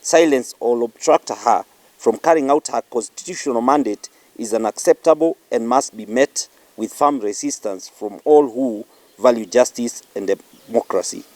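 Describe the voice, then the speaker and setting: A man's voice: medium pitch, darkish tone, dry recording. A man with a Kenyan accent reads a formal political press statement in a firm manner.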